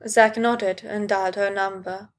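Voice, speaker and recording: Reading fan fiction out loud, this woman keeps a medium pitch with little movement in her narration, taking her time and lifting her voice whenever a character speaks.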